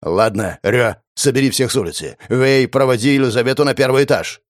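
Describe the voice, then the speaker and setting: A man's voice: medium pitch, brisk, no room sound, clean studio sound, lightly acted. A man voicing a furious, cursing gang boss. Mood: grudging. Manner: shouting, cursing, threatening. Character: ruthless male gang boss, angry and cornered. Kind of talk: audiobook character voice.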